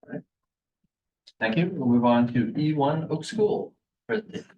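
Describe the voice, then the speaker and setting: A man chairing a school board meeting, moving briskly through agenda items and motions. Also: on the high side, lively intonation. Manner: brisk and procedural. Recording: distant, muffled meeting audio.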